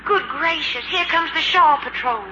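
An actress playing a coy, gushing wealthy belle in old radio comedy style. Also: female voice, sits high, normal speed, background noise, lightly acted. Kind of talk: 1940s radio comedy acting. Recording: muffled old radio recording over loud music.

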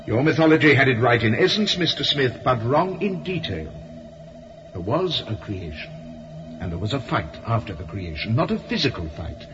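An actor playing the grave, measured voice of an alien spirit council speaking as one, in a radio drama. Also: male voice, lowish voice, dull audio, close to an everyday voice.

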